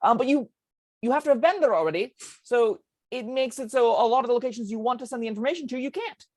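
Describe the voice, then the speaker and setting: A woman co-hosting a casual tabletop game podcast, talking in quick chatty bursts with plenty of ums. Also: a little high, expressive, darkish tone, dry recording. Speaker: co-host discussing tabletop spells.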